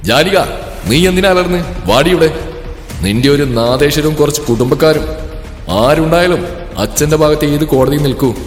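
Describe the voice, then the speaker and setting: A man's voice: a little high, expressive, normal speed, natural voice. A man voicing a stern, threatening middle-aged father in a told story, recorded in an echoey room with music. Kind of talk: storybook character voice.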